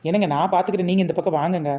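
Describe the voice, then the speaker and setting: A woman acting as a sharp-tongued, cheeky seller's wife in a comedy skit. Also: on the low side, fairly even intonation, very fast. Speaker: comic actor playing the seller's wife.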